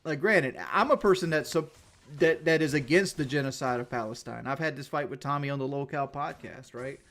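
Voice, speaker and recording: Speaking briskly in a fairly high, somewhat bright voice, a livestreamer rambles to his audience with blunt, profane casualness. He keeps repeating phrases and starting over.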